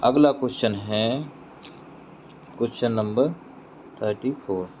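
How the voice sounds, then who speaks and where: A man's voice: mid-range voice, slow. A man teaching an exam-prep grammar lesson. He repeats every question before he answers it himself, and he checks in with his students as he goes. The recording is dull and lo-fi, with faint traffic noise behind him. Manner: explains step by step, checking in with "theek hai".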